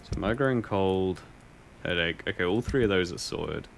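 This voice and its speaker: A man's voice: sits low, animated, normal speed, vocal fry, slight background noise. A young man casually commenting while he plays a game on stream, wry and rambling, often muttering to himself. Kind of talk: casual let's-play commentary.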